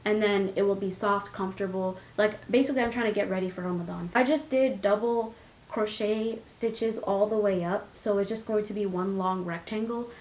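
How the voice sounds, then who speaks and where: A woman's voice: medium pitch, fairly even intonation, moderate pace, darkish tone, roomy sound, low-quality recording. A young woman vlogging casually at home, chatty and rambling, with giggly asides, recorded on a compact camera's built-in mic. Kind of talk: casual chat. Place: indoors at home, her room.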